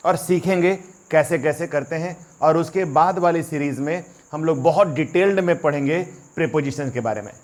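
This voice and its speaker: A man's voice: fairly high pitch, darkish tone. A young man teaching English grammar in Hindi, mixing in English phrases and often calling his viewers friends. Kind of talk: explaining lesson to students.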